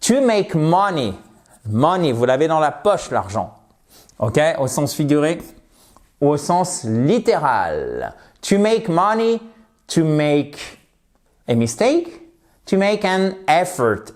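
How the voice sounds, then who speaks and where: A man's voice: a little high, sing-song, slow, darkish tone. A man giving an online English lesson, explaining in French and playfully drilling English words by repeating them. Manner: switches between French explanation and English examples. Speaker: English teacher.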